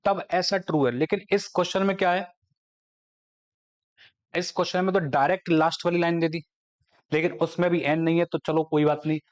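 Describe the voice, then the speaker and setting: A man with a fairly high voice teaches a maths lecture at a board. He walks through each step, putting questions to the class and answering them himself. He drops to a slow, careful pace when he reads out a formula. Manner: explains step by step, asking and answering his own questions; slows right down when dictating formulas.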